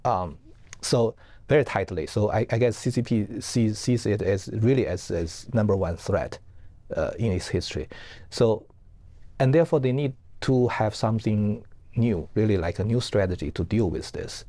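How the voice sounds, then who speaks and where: Male professor, low voice, dry close sound, earnest and halting as an interview guest. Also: dark tone, no room sound. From northeast China. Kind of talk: explanatory interview answers.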